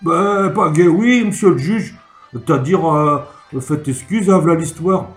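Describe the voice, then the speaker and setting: A shrill, high old countrywoman, put on by a male storyteller, stumbles through her rustic excuses, loud and strained. The voice rings in an echoey room with faint music underneath. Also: measured pace, close to an everyday voice. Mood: flustered. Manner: rustic country speech, hesitant. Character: old peasant woman, shrill and rambling.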